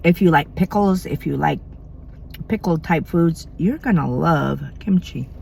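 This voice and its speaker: Slow gravelly middle-aged woman vlogger. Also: low-pitched, a little mellow, a little hiss or hum. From Maine, USA. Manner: chatty, eats between sentences. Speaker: mukbang vlogger. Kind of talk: casual eating vlog chat. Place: home at night.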